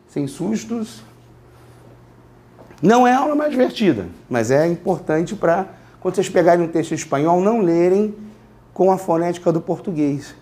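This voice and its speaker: A man from Brazil teaching Spanish in a classroom, explaining slowly, repeating words and asking students to say them back. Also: high voice, dark tone. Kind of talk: classroom lecture.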